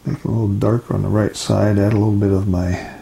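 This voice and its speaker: An older man, a gentle painting instructor, talking in a low-key, musing way as he demonstrates watercolour step by step. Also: flat delivery, fast talker, vocal fry. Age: 60s or older. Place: indoors at a painting easel.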